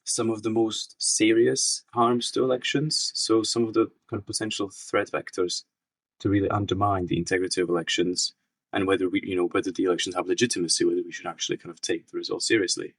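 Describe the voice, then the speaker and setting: A young researcher from the Czech Republic speaks in a very low, slightly husky voice. He answers interview questions thoughtfully, circling back and restarting his sentences. The recording is dry and picks him up from some distance. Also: level tone, quick pace, fairly bright tone, no room sound. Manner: thoughtful, many restarts and fillers. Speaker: researcher guest.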